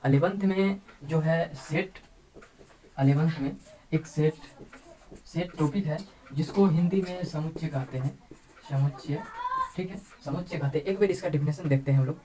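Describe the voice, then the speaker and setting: A woman teaching a math lesson, explaining slowly and repeating key terms over and over. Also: low-pitched, crowd noise, poor audio. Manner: repeats words and says "ठीक है" often, slow deliberate explaining. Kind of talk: classroom-style math lesson.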